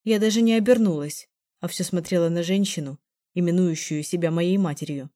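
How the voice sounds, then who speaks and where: A woman reading a first-person story as an audiobook narrator in a measured, even way. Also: fairly low pitch, no room sound, studio quality.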